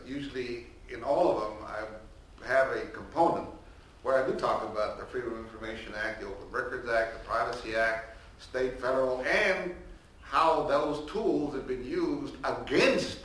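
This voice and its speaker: An older professor on a panel speaks without a microphone in a large, echoey hall, projecting loudly and lecturing conversationally with many restarts and fillers. His medium-pitched voice sounds distant and roomy, with faint ambience and slight background noise.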